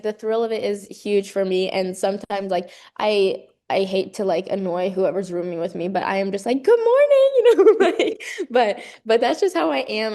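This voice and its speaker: A woman's voice: medium pitch, darkish tone. A young adult woman, a college gymnast, speaking in an earnest, effusive and emphatic way as the guest in a casual interview.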